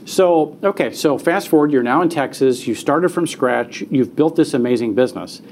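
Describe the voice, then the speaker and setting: This is a podcast host interviewing a guest. The voice sits at a middle pitch and the manner is encouraging and affirming. A faint room ambience runs underneath. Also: animated, moderate pace, a little mellow, slight background noise.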